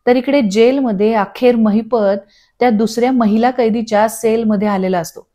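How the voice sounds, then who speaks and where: A woman narrating a scripted voice-over recap of a TV serial, telling the scenes in a steady storytelling way. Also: fairly high pitch, normal speed. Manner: steady storytelling, reading dialogue aloud. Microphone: studio voice-over.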